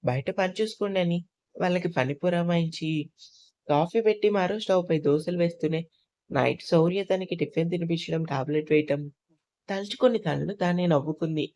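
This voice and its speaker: A woman storyteller reading a romantic audio story aloud in a calm, even way. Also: lowish voice, fairly quick.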